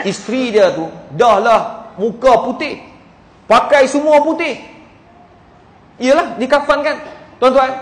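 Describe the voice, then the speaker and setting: A man with a Malaysian Malay accent preaching and telling a story, often calling out to his listeners and acting out the dialogue. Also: very high voice. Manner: addresses listeners as "tuan-tuan", acts out dialogue. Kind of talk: sermon storytelling. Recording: echoey hall.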